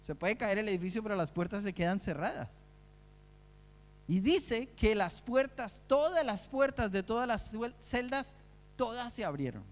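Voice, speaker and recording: A man with a high voice preaches a sermon, earnest and searching, full of rhetorical questions for his listeners. His voice rings out with a long reverb trailing after it. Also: expressive, normal speed, faint music behind.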